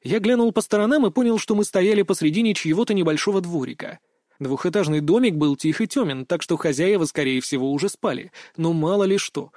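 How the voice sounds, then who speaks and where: A man reads a first-person story aloud in a brisk, steady narration. His voice sits high for a man. The sound is dry and close, with no room around it. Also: dry recording. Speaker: audiobook narrator.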